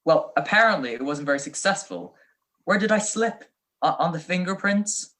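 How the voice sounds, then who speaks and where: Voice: mid-range voice, lively intonation, moderate pace, a bit bright, lightly acted. A performer playing Nick Charles's part as a wry, unflappable male detective, teasing and sarcastic, in an old-style radio mystery. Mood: mock puzzled. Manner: dry, teasing, sarcastic wit. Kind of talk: 1940s detective radio play acting. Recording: video call recording.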